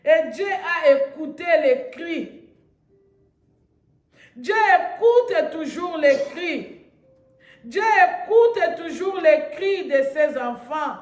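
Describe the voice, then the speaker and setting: A woman preacher drives her sermon at a very slow pace, repeating her lines and rising into shouts. Her voice sits very high. The church around her rings with a strong echo. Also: animated. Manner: emphatic, repetitive, bursts into shouts. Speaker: pastor. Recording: echoey church hall.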